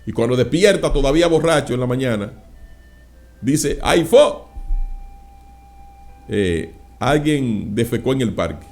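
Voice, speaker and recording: A male pastor preaching a sermon, dropping frequent interjections of praise and acting out anecdotes with loud exclamations. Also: mid-range voice, animated, moderate pace, faint music behind.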